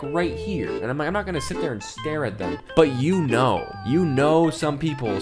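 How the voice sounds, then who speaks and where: Young male reaction host, mid-pitched and rambling, creeped-out laughs, light music underneath. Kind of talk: casual reaction commentary.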